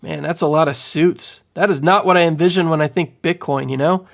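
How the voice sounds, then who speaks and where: A man in his thirties doing casual livestream commentary from home on a boom mic, rambling and animated, full of fillers. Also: fairly quick, vocal fry. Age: 30s. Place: home room. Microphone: studio mic on boom arm.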